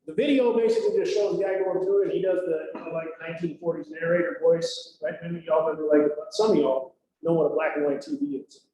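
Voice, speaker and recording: A man's voice: on the high side, fairly even intonation, quick pace, hardly any pauses, dark tone. A middle-aged man, a police trainer, giving a casual, chatty safety training talk to a group at a workplace, often checking in with "right?". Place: large room at a workplace, in front of a group. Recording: very echoey room, faint noise.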